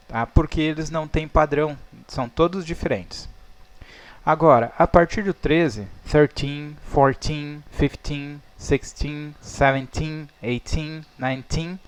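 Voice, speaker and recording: A man's voice: on the high side, no echo. A Brazilian man, a native Portuguese speaker, teaching English numbers in a patient, explaining way over slides. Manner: patient, checks in with "tá?" and "ó".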